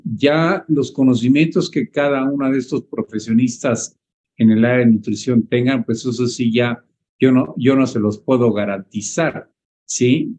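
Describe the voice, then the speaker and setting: A doctor with a darker, mellow voice explains nutrition topics in a live online Q&A. He talks in a didactic way and often stops to check that his listeners are following. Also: medium pitch. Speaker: doctor answering questions.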